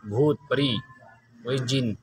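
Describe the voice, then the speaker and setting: A man's voice: medium pitch, slow, background noise. A man teaching a Quran reading lesson, who asks questions and answers them himself and chants syllables in repeated drills. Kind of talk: slow classroom-style lesson with call-and-answer drills.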